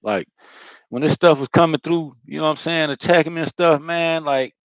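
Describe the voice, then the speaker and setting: A man's voice: fairly high pitch, fairly even intonation, brisk, no room sound. A man giving a loose, profane spiritual monologue, talking casually with lots of fillers. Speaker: spiritual vlogger.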